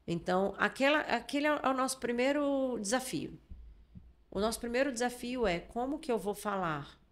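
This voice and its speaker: A woman's voice: on the high side, expressive, moderate pace. Chatty Brazilian journalist woman explaining. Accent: Brazilian Portuguese. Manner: explanatory, lots of filler tags and restarts. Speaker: journalist guest. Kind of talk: casual interview talk.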